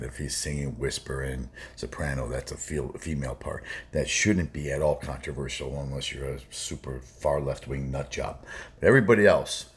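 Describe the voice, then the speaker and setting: A man with an extremely deep, low baritone hosts a music reaction video, offering casual commentary. He rambles loosely with plenty of fillers and keeps stressing his points emphatically.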